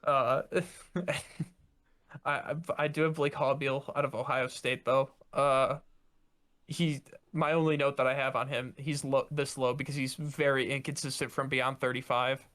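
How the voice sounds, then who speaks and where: A man's voice: mid-range voice, level tone, a little slow, a bit bright. A young man co-hosting a podcast, chatting casually about football with many fillers and restarts. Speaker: podcast co-host. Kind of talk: casual sports chat.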